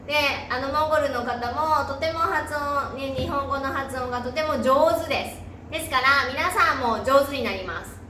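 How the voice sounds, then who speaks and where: A woman's voice: high-pitched, pushed and bright, echoey room, recorded from a distance, a little hiss or hum. A woman teaching a language lesson, patiently drilling syllables one by one and asking learners to repeat after her. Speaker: Japanese teacher.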